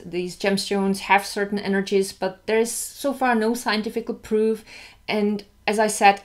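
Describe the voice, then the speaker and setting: Chatty woman vlogger, candid and easygoing. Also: mid-range voice. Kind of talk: casual vlog talk.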